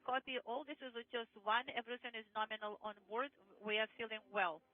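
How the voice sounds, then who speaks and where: A man's voice: high-pitched, fairly even intonation, fairly quick. A man interpreting crew reports as a translation voice-over, in clipped, formal status calls over a radio loop. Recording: tinny radio channel.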